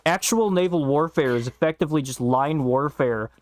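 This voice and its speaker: Bantering with his co-host while streaming a game, this young man is blunt and profane in his casual chat. He speaks at a normal speed in a fairly high voice.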